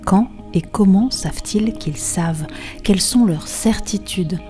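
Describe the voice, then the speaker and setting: A woman journalist hosting a podcast, delivering a scripted intro and asking measured, poised questions. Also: mid-range voice, dark tone, soft background music.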